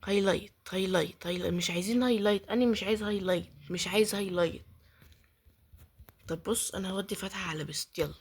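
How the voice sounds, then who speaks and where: Speaking rapid-fire in a mid-range voice, this woman is a gaming YouTuber with an Egyptian Arabic accent. She offers casual commentary on her gameplay, pleads, mutters prayers and frequently sinks to a whisper, with slight background noise behind her.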